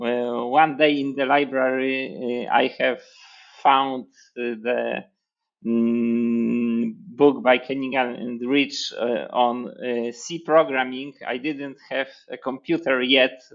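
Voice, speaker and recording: A man in his forties from Poland with a Polish accent, speaking as an interview guest in a measured, hesitant way with many fillers. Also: medium pitch, vocal fry, lo-fi sound. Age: 40s. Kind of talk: interview over video call. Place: room with hexagon panel wall. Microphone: headphones with mic on video call.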